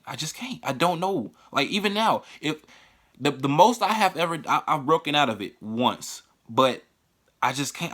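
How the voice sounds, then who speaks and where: A man's voice: a little high, bright, forceful tone. A man casually telling a personal story on a vlog, swearing often and stumbling over restarts. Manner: profane, halting, with frequent restarts. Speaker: vlogger.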